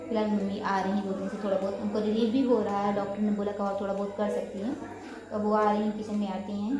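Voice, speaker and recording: A young woman vlogging at home, chatting quickly and casually while she cooks. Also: medium pitch, warm tone. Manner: fast, chatty talker. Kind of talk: casual cooking vlog chat. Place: home kitchen with a fan running. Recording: very echoey room.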